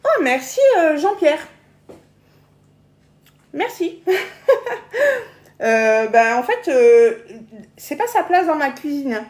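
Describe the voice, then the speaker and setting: A chatty woman with a high voice runs a live cooking demonstration from her home kitchen. She talks casually to viewers, trips over her words, and laughs easily. Her voice rings with the roomy echo of the kitchen. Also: sing-song, slow pace, pauses often, a little mellow. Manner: chatty, laughs often, stumbles and repeats words.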